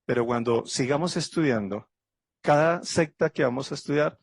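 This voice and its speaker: A man's voice: mid-range voice, normal speed, vocal fry, breathy edge, no echo. A man pastor teaching a Bible study lecture, going methodically through dates and facts and closing with an earnest prayer. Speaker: pastor teaching a theology class.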